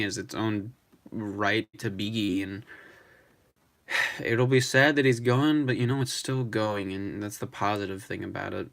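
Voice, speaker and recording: A young man live streaming, talking in a rambling, halting way with many restarts. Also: fairly low pitch, gravelly. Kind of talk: emotional live-stream tribute chat.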